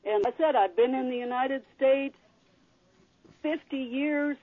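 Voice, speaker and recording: A woman's voice: high voice, a little slow. A woman in her sixties calling into a talk radio show on a speakerphone, sounding echoey and complaining indignantly. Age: 60s. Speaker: caller. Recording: tinny speakerphone call over phone line.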